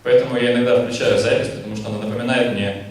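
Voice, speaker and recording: A man interprets a lecture line by line at a brisk clip, often rephrasing mid-sentence. His voice is distant from the microphone and rings through a very echoey hall. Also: mid-range voice, fairly even intonation. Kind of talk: consecutive translation of a lecture.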